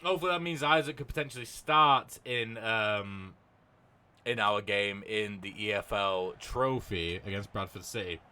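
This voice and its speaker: A young man giving casual commentary on a football management game, swearing freely and shouting at big moments. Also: on the low side, moderate pace, clear, resonant tone. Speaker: gaming commentator.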